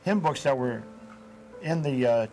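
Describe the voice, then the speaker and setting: A man being interviewed as a paranormal investigator, telling events in a measured way with hesitant fillers. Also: medium pitch, lively intonation, dark tone, soft background music, rough recording. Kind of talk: interview storytelling.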